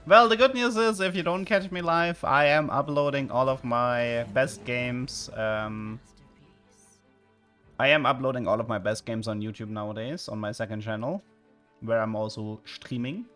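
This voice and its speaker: This man from southern Germany streams a game, talking to viewers and erupting into sudden excitement. He has a German accent, a mid-range voice and a moderate pace, and faint music runs behind him.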